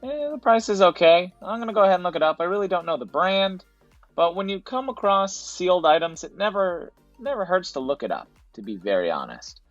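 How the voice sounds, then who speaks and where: A man's voice: high voice, very animated, brisk, no echo, dull audio, soft background music. A man narrating his thrift store trip as a voice-over for his reselling vlog, in a casual, explanatory way. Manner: casual, explanatory, repeats "to be honest".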